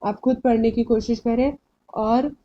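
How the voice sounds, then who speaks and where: A woman's voice: a little high, steady tone, measured pace, muffled recording. A woman teaching a recitation lesson from slides, patiently repeating rules and quizzing her learners, often switching into English phrases. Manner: patient, repeats and asks questions back to learners; mixes English phrases into Hindi.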